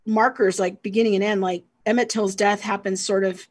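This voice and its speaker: A woman's voice: mid-range voice, fairly even intonation, fairly quick, slightly rough. A woman hosting a casual discussion, steering the talk with questions and prompts. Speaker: host.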